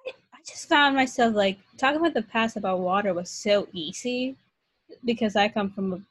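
A woman from Colombia hosts a podcast interview, chatting candidly with her guest. Her voice is slightly husky and sits close and dry to the mic. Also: medium pitch, normal speed, no room sound. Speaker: podcast host, graduate student. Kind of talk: casual interview conversation.

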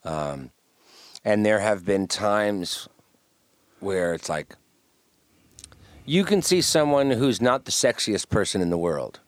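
A low-voiced man chats easily as a guest, rambling through stories and often starting sentences over. His voice sits close and dry on the mic, with no room sound around it. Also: takes it slowly, pauses often, dry recording. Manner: relaxed, rambling storyteller with many restarts. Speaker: guest musician. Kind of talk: casual interview chat.

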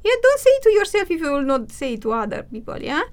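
A woman's voice: very high voice, sing-song, very slow, darkish tone. A woman co-hosting a radio English lesson, explaining vocabulary patiently and checking in with "yeah?" after each point. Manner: checks understanding with frequent "yeah?" and laughs easily. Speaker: radio co-host teaching English. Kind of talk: slow, patient vocabulary teaching.

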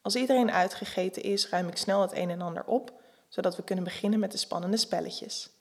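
A woman narrating a scripted erotic story in a calm, even-paced reading. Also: medium pitch, brisk, breathy edge.

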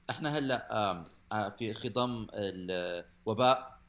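A man's voice: on the low side, measured pace, a bit bright. A young man with a Levantine Arabic accent chatting casually as a podcast co-host, often restarting and repeating his phrases. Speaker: podcast co-host with microbiology training. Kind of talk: casual comedic podcast chat.

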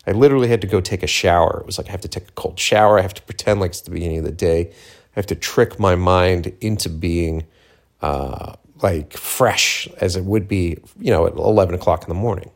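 A filmmaker from Cape Cod, Massachusetts, hosts a personal audio journal, speaking in a deep, brisk voice. His monologue is casual and rambling, candid and full of swearing and slangy asides.

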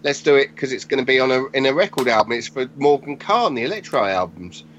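A man in his forties, a graffiti artist guest on a podcast, telling stories in casual chat with animated energy and casual swearing. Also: medium pitch, fast talker, a little hiss or hum. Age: 40s. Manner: animated storytelling, swears freely. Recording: dull lo-fi podcast audio.

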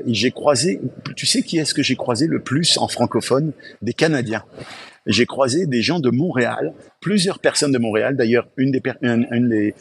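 A man's voice: medium pitch, a little hiss or hum. A man speaking as an enthusiastic guest in a remote podcast interview, often restarting his sentences. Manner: enthusiastic, talks in bursts with many restarts. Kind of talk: remote interview, casual chat.

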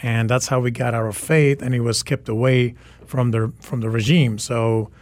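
A man's voice: medium pitch, fairly even intonation, moderate pace, a little mellow, no room sound. A man in his forties, a native Czech speaker, guest on a radio interview, who talks enthusiastically and repeats words for emphasis. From Czech Republic. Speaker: photographer.

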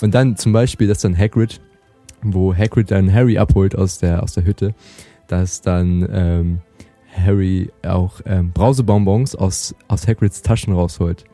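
A young man chatting casually as a podcast host, excitable and gushing, with lots of fillers and restarts. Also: low-pitched, measured pace, faint music behind. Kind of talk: casual chat.

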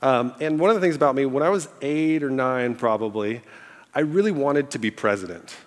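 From the stage of a church auditorium, a church staff member says farewell to the congregation in a mid-range voice, speaking a little fast. He's in his thirties, born in Egypt and raised in America, and his storytelling is candid and self-deprecating, with lots of fillers. The large hall gives a long reverb, and the audience can be heard laughing.

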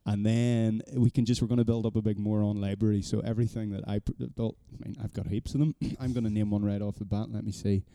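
A man's voice: lowish voice, little pitch movement, quick pace, hardly any pauses, dark tone, clean tone, dry recording. A man in casual podcast chat, rambling and self-deprecating, swearing now and then.

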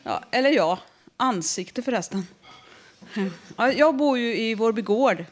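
A woman from doing deadpan stand-up comedy, speaking straight to the audience. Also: fairly high pitch. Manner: deadpan, conversational, addresses the audience.

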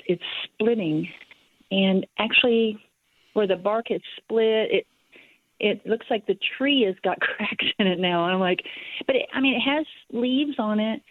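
A woman's voice: medium pitch, no room sound. A woman calling in to a radio show on her speakerphone, chatting and laughing a little as she describes her problem. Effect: phone-line caller on a radio show. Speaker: caller. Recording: tinny phone line.

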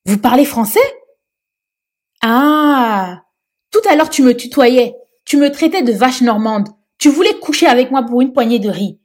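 A woman voicing an indignant male police commissioner in a raised, husky voice. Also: high voice, lively intonation, a little slow, darkish tone, voice pushed up. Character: stunned angry colonial police commissioner, man.

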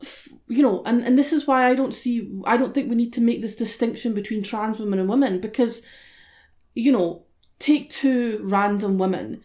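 A woman's voice: a little high, moderate pace, a little mellow. A woman hosting a podcast discussion, speaking emphatically and passionately, with plenty of swearing. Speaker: podcast host. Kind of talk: impassioned opinionated podcast discussion.

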